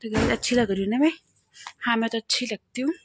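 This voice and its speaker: A woman's voice: fairly high pitch, quick pace, husky, no echo. A young woman with an Uttarakhand Hindi accent, vlogging in a playful, chatty way as she shows her wedding album and laughs often. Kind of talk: casual chat to camera.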